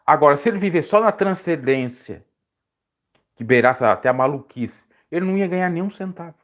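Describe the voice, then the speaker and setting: A man preaching casually on a live stream, rambling and correcting himself, his voice jumping high when he stresses a point. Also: expressive, brisk. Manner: rambling, self-correcting, pitch swings high when emphatic.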